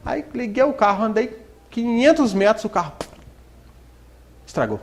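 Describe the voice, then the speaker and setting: A man's voice: high voice, very animated, normal speed. A man from Brazil giving a spiritist lecture in a conversational style, full of rhetorical questions and acted-out quotes. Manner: acts out quoted voices. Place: spiritist center hall.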